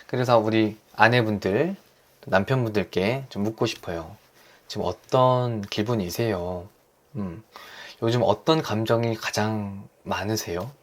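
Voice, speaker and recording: A man hosting a live lesson for married couples, talking gently and earnestly and often asking his audience questions. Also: lowish voice, a little slow. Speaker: host leading a couples' reading session. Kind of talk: live online lecture to couples.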